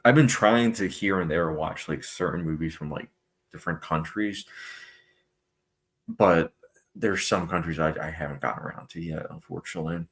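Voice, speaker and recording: Speaking at normal speed in a deep voice with a fairly bright tone, a young movie channel host runs a relaxed live stream. He reads out what viewers comment and chats loosely, filling his talk with plenty of fillers.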